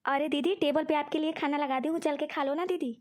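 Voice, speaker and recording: A woman's voice: high voice, steady tone, fairly quick, a little mellow, lightly acted. A woman voicing a scheming younger friend who coaxes and tricks in a cartoon. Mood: teasing. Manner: coaxing, sweetly persuasive. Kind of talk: cartoon voice acting.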